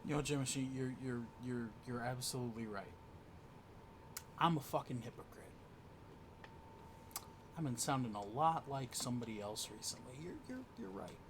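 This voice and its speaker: Shouting, stammering man in a wrestling promo. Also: mid-range voice, normal speed, long pauses, noisy background. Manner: heated, profane, shouting and stammering. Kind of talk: in-ring promo argument.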